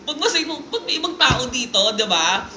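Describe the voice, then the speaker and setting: A woman hosting a live stream, reading listener stories aloud in lively mixed Tagalog and English, with jokes and asides. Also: high voice, normal speed, a little hiss or hum. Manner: animated storytelling, Taglish, jokes and asides. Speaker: livestream host. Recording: roomy sound with music playing behind.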